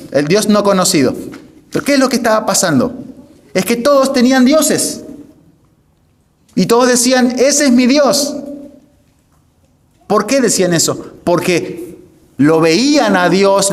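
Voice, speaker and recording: A man lectures a congregation. His voice sits fairly high for a man, emphatic and insistent, and he keeps checking that listeners follow. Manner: asks the audience frequent checking questions; emphatic, repeats phrases for stress. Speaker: pastor.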